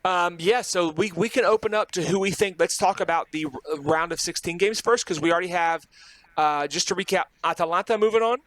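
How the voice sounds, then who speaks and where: A man's voice: high voice, fairly quick, a bit bright, no echo. A man hosting a casual sports podcast, rambling with many fillers and restarts. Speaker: podcast host.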